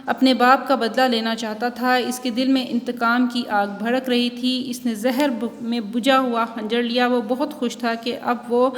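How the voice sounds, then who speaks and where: A woman teacher giving a recorded school lesson, explaining punctuation and reading a story aloud at a slow, careful pace. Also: fairly high pitch, little pitch movement, in a large hall. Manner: reads textbook examples and a story aloud, explaining slowly. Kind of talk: online Urdu class lecture.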